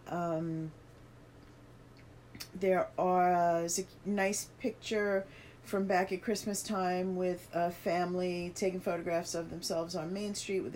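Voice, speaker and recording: A woman's voice: fairly low pitch, darkish tone. A woman reads a news article aloud for a chatty podcast and stops often to add her own asides. She has the hiccups. A faint hiss of background noise sits under her voice. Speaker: podcast co-host reading news. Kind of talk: casual chat reading articles aloud.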